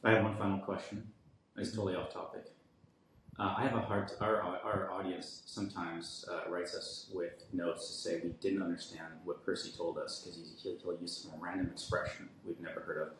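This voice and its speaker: Deep-voiced male host in an echoey room. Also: level tone, a little fast, fairly bright tone. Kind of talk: casual interview. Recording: very echoey room, faint noise.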